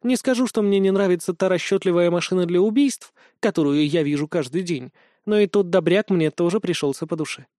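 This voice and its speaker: A man's voice: sits high, brisk, few pauses, warm tone, dry recording, clean studio sound, natural voice. A man voicing a proud, possessive female wolf goddess in an audiobook, haughty and jealous. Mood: smug.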